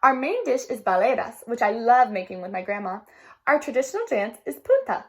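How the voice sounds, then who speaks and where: Storybook schoolgirl, high and bright-voiced, earnest, played by a woman reader. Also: big pitch swings, brisk. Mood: nervous proud. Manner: upset, pleading. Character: shy young Honduran-American schoolgirl.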